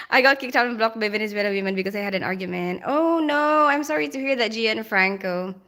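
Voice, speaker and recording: A woman's voice: fairly high pitch, fairly quick, bright, forceful tone. A woman with a Filipino accent who grew up in the Philippines, chatting casually on a live stream, reading viewer comments aloud and laughing often.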